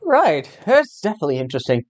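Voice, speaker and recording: A streamer of unclear gender commenting casually on a story game and reading its narration aloud, sometimes haltingly. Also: mid-range voice, huge pitch swings, a little hiss or hum. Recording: game music underneath.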